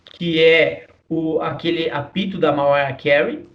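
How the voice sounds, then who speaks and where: A man's voice: a little high, fairly even intonation, measured pace. A man with a Brazilian Portuguese accent teaching a voice lesson, explaining patiently, often checking in with his listener, and demonstrating vocal registers. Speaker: singing teacher. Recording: distant mic, dull muffled sound.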